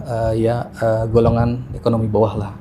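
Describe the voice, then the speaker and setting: A man in his thirties talks through his life story as a podcast guest, stopping often on fillers and restarting his sentences. His voice is mellow and warm. A faint hiss sits under the recording. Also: lowish voice, completely flat delivery, moderate pace. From Jakarta, Indonesia. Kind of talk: casual interview chat. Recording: faint background noise.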